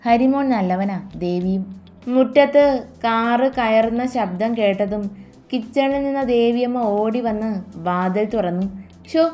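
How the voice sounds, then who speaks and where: Soft-voiced woman narrating a romance. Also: fairly high pitch. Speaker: storyteller. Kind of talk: scripted romance narration with character dialogue.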